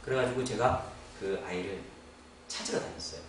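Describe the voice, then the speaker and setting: A man's voice: fairly low pitch, moderate pace. A male pastor telling a story in a sermon, animatedly acting out the people in it. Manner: animated storyteller who acts out dialogue. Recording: very echoey room, distant mic, audible background noise.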